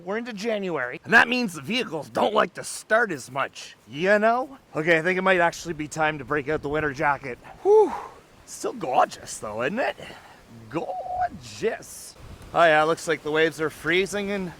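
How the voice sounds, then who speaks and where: A man's voice: a little high, big pitch swings, normal speed, sharp tone, slight background noise. A middle-aged man hosting a casual home-renovation vlog, upbeat and chatty, talking to viewers at home and outdoors by a lake in winter. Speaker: vlogger.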